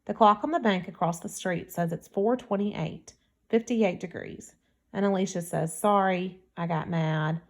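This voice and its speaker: Female audiobook narrator, first-person story, steady storytelling delivery. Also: medium pitch, moderate pace.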